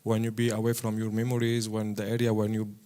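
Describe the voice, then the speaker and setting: A man from Syria speaking on a panel, halting, with many fillers and restarts. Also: fairly low pitch, completely flat delivery, warm tone. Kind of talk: panel discussion.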